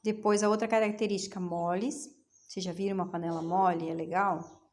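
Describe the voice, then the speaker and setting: A woman's voice: medium pitch, steady tone, brisk, darkish tone. A middle-aged woman teacher from Brazil, patiently explaining homework to young pupils and asking them questions to coax answers. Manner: patient, coaxing, asks rhetorical questions. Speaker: schoolteacher.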